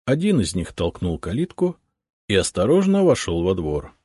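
Low husky male audiobook narrator. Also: wildly swooping pitch, moderate pace, mellow, no echo, studio quality. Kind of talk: scripted first-person narration.

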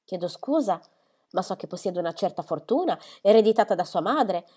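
A woman's voice: mid-range voice, animated, warm tone, husky. A woman reading a novel aloud, voicing a proud, defiant young woman who answers her mother back. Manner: defiant, quick to justify herself.

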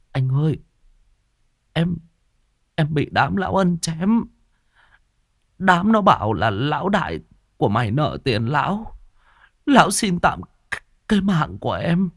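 A man voicing a devoted young gang henchman who is dying, speaking in weak, halting, broken phrases. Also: on the high side, sing-song, husky, no echo, studio quality, voice pushed up, full character voice. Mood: fading.

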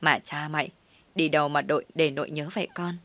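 A woman's voice: sits low, steady tone, brisk, fairly bright tone. Woman doing a trembling old grandmother. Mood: tearful. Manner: choked, trembling. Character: elderly grandmother, choked up and trembling.

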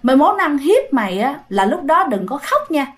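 A woman's voice: sits high, sing-song, normal speed, voice pushed up. A woman voicing the bitter, scolding spirit of a dead young woman in a told ghost story. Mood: bossy. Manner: scolding, blunt.

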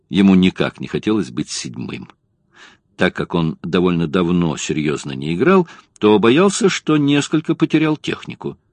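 A man narrating an audiobook in a measured, expressive storytelling manner, close to the mic. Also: sits low, dry recording. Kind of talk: scripted narration.

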